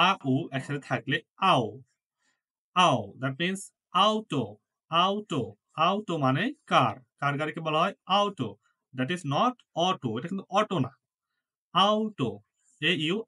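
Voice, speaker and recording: A man teaches a language lesson, with Bengali as his first language. His voice sits a little high and sounds bright and clear. He repeats each word slowly and patiently, mixing English into his explanations. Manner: patient, repeats words slowly, drills pronunciation; mixes English words into his talk. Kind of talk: classroom lesson.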